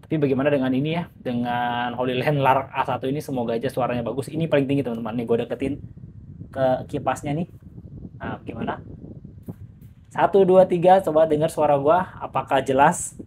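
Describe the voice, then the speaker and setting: Casual male reviewer, fan blowing straight into his mic, loud whir behind. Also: mid-range voice, a little fast, noisy background. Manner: chatty, addresses viewers directly. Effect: speaking with an electric fan blowing into the mic. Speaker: gadget reviewer. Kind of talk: casual product demo. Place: indoors in a room.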